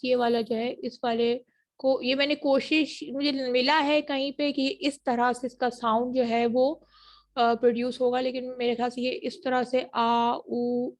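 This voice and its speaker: A woman gives a university phonetics lesson, moving between Hindi-Urdu and English. Her voice sits fairly high, and she keeps checking in with students as she goes. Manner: mixes Hindi-Urdu and English, checks understanding with repeated "ठीक है". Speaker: university lecturer. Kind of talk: online phonetics lecture.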